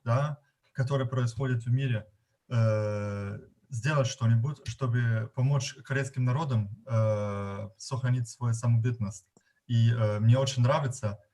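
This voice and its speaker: A man from Germany with a German accent gives unscripted forum remarks as a guest, haltingly searching for words as a non-native speaker. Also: mid-range voice, darkish tone. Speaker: guest participant at a media forum.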